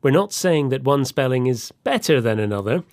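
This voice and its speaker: A man presenting a scripted language lesson with a lively, measured delivery. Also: mid-range voice, no echo, clean studio sound.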